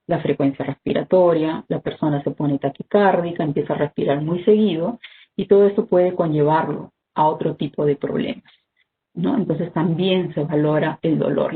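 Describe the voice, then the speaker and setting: A health instructor, giving an online first-aid training talk in a measured, explanatory way, often ending points with "¿no?". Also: mid-range voice. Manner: measured, explanatory, frequent "¿no?" tags and "este" fillers. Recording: tinny phone-like video call audio with faint noise.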